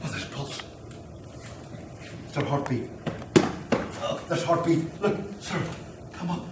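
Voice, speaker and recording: A man's voice: a little high, lively intonation, takes it slowly. A man playing a soothing, urgent fireman. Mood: urgent, coaxing. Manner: soothing and urgent, repeats his coaxing. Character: reassuring male fireman rescuing survivors. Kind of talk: amateur audio drama. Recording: roomy, distant mic, ambient noise.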